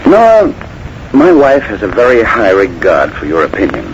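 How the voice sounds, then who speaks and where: An actor playing a menacing, short-tempered, scheming husband and playwright in a 1940s radio mystery. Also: male voice, fairly low pitch, wildly swooping pitch, moderate pace. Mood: smooth, menacing. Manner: smooth veiled threats swinging to irritated insistence. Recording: noisy vintage 1940s radio broadcast.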